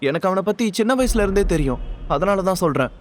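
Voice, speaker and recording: Male narrator doing a young wife in an audio drama, hurt and defiant, pleading, slightly higher voice. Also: expressive, a little fast, a little hiss or hum. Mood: apologetic. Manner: pleading, indignant.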